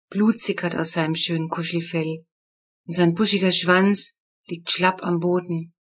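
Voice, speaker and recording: A woman reading her own children's book aloud in lively storyteller narration. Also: on the low side, husky. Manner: lively storytelling, voicing the characters.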